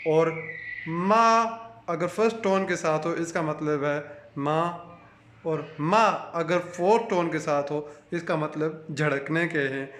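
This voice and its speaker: A man with a Pakistani Urdu accent narrating a language lesson in a measured, explanatory way. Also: on the high side, a bit bright, roomy sound. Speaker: language teacher.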